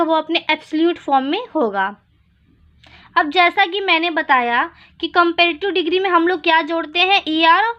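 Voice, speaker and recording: A woman teaching English grammar in Hindi. She asks her own questions and answers them, and reads the English examples out slowly. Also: extremely high pitch, bright, forceful tone. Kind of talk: Hindi-medium grammar lesson. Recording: dull lo-fi recording.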